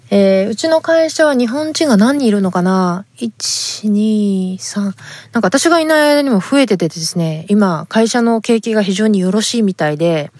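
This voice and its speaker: A woman's voice: mid-range voice, a little mellow, no room sound. Woman podcast host from Fukuoka, Japan, mid-range voice, polite and chatty, dry close mic. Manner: polite and chatty, with frequent fillers. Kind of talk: casual podcast talk reading listener letters.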